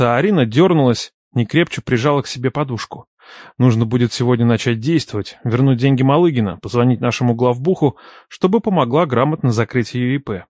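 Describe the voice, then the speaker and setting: A man's voice: mid-range voice, a little mellow, dry recording, studio quality. A young man narrating an audiobook in the first person, in a playful, teasing and ironic way.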